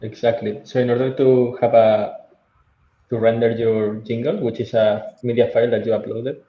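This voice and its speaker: A man, a software engineer guest, patiently explaining technical steps one at a time over a video call. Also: medium pitch, little pitch movement, normal speed. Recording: roomy, dull video call audio with faint noise.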